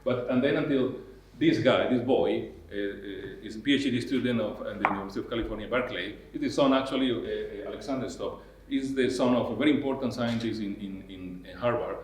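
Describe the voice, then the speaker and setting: A man giving an academic lecture in a lecture hall, halting and full of restarts and repeated words. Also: lowish voice, a little mellow. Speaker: university lecturer. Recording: echoey hall sound.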